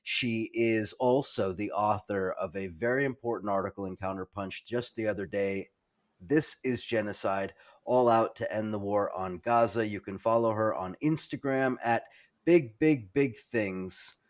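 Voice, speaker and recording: A man's voice: fairly low pitch, measured pace. A man hosting a talk show, casual and self-deprecating, joking about his own phrasing before introducing a guest. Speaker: podcast host.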